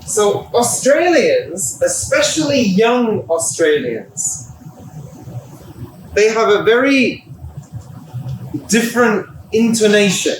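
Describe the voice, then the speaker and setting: A middle-aged man lectures a class in an unhurried, good-humoured way, talking through examples. His voice sits fairly high, and he sounds some way from the mic. The room adds a noticeable echo and a faint hum of ambience. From England. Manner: relaxed, explains with examples, laughs at himself. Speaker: university lecturer. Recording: echoey room, distant mic.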